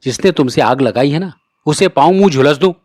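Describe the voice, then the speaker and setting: A man voicing a proud, sharp-tongued young wife from a rich family in a read-aloud story, making indignant retorts. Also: fairly high pitch, animated, a little fast, no room sound, clean studio sound. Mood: bitter.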